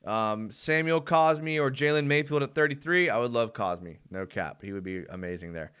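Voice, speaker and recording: A young man hosts a relaxed live fan show in a smooth, medium-pitched, fairly bright voice that's animated at a moderate pace. He wanders from point to point with plenty of "dude" and "I mean," his voice weary and starting to go hoarse from talking so long.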